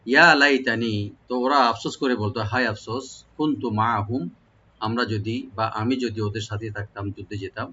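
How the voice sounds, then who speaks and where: Recitation teacher, male, bright voice, slow drawn-out words, dull lo-fi sound. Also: mid-range voice, fairly even intonation, a little hiss or hum. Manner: breaks off to spell out letter sounds, repeats words slowly and drawn out. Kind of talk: tajweed lesson, explaining then reciting verses slowly.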